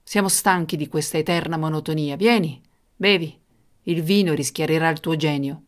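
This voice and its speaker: A woman doing a booming, jeering cruel king. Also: normal speed, close to an everyday voice. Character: loud cruel mocking male king.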